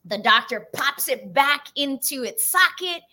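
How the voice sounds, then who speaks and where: A woman from San Francisco tells her life story as a podcast guest, taking her time over each point. Her voice is bright and sits somewhat high. She livens her stories by acting out the people in them. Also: unhurried. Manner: lively, animated storyteller who acts out voices. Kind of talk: storytelling interview answer.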